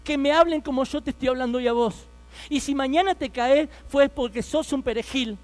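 Speaking briskly in a very high voice, this Argentine man in his thirties delivers his life story as an impassioned preaching testimony aimed straight at his audience. His accent is Argentine Spanish.

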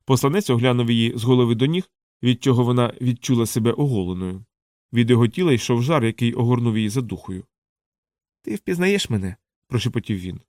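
Male audiobook narrator, mid-pitched, steady, dry close mic. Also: no echo. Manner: measured, steady reading. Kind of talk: scripted narration.

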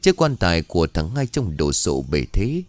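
Người đàn ông kể truyện ma, giọng rất trầm, lên xuống sinh động. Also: male voice, sits low, sing-song, moderate pace, a little mellow, no room sound. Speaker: storyteller. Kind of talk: scripted horror story narration.

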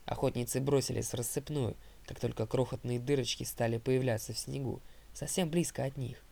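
A man narrating an audiobook in a steady, first-person storytelling manner. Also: medium pitch, gravelly.

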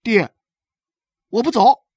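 Guy putting on a whiny little kid voice, high and slow, stubborn sad boy in a storybook. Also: animated, a little mellow, slightly rough, no room sound, clean studio sound, exaggerated voice. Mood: pleading. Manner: pleading, childish, whiny. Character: sad stubborn 11-year-old boy begging for a father.

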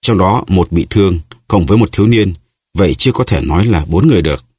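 A man's voice: sits low, expressive, fast, darkish tone, slightly rough, dry recording, clean studio sound. A man voicing a grave, proud musketeer who speaks formally in an audiobook. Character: grave wounded male musketeer, proud and calm.

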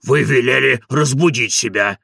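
A man's voice: medium pitch, moderate pace, creaky, pushed and bright, no room sound, studio quality, exaggerated voice. A man voicing an old, stubborn manservant who scolds and coaxes in a folksy way. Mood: grumbling.

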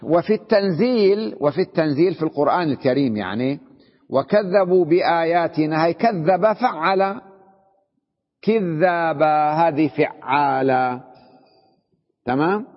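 Husky-voiced sheikh teaching grammar. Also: male voice, on the high side, lively intonation. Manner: reads a text aloud, then explains it, checking understanding with quick questions. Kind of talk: classroom grammar lesson. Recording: dull lo-fi recording in a reverberant hall.

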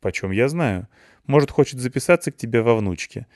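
A mocking young woman gamer, worn out and quick with insults, as a male audiobook reader puts her on. Her voice sits noticeably higher than the reader's own. The recording is dry and close. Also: animated, dry recording, natural voice. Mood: teasing, grumpy. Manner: sharp-tongued, teasing.

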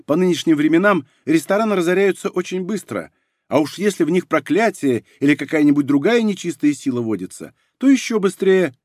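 A man's voice: a little high, expressive, a little fast, darkish tone, no echo, studio quality. A man voicing a shrewd sarcastic woman. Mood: haggling. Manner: cool, haggling, sarcastic. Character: sharp shrewd young woman mage.

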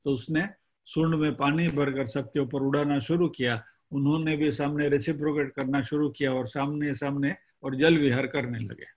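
A man giving a spiritual discourse, retelling a scripture story slowly and deliberately, with pauses between phrases. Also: a little high, steady tone. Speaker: spiritual teacher.

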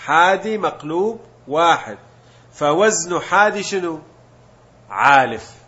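A male teacher walks through a grammar lesson step by step, asking questions and then answering them himself. His voice sits a little high. The recording is dull and lo-fi. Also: bright, forceful tone. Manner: mixes colloquial Gulf Arabic with classical terms. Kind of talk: Arabic morphology lesson.

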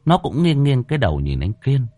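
A man's voice: mid-range voice, huge pitch swings, a little fast, warm tone, no room sound. A man telling a ghost story in scripted, dramatic narration.

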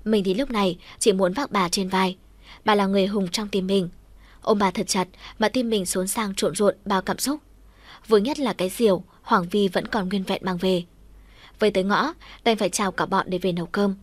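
A woman narrating a first-person audiobook story in a lively way. She lifts her voice for the characters' shouts. Her pitch sits in the middle, and the recording is close and dry with no room sound. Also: moderate pace, no room sound. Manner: lively storytelling, louder and higher for shouted quotes.

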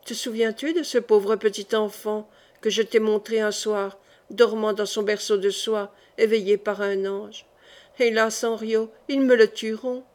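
A woman voicing a dying, weary king who speaks softly and confidingly in an audiobook reading. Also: steady tone, unhurried, close to an everyday voice. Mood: sorrowful. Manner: soft, low-voiced confiding.

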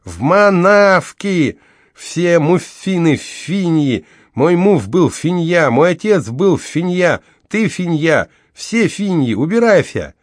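Man voicing a young woman, heavy lisp through missing teeth, bitter, proud, raised pitch, dry close sound, audiobook. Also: big pitch swings, a little slow, dry recording. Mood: tearful bitter.

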